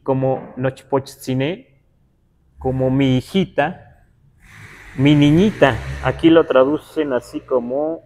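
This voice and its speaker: Slow, explaining Nahuatl teacher, a man. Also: medium pitch, a little mellow. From Huasteca, Mexico. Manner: slow, explanatory, reads aloud and glosses word by word; checks in with listeners, asking "¿verdad?". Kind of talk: livestreamed language class.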